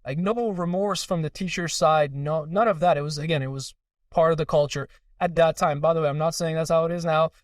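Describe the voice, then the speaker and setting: A young man from Iran talks quickly and earnestly as a podcast guest, leaning on fillers as he tells his story. His voice sits a bit high, and he sounds a little away from the mic in a dry, dead room. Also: dry recording, distant mic. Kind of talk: casual interview conversation.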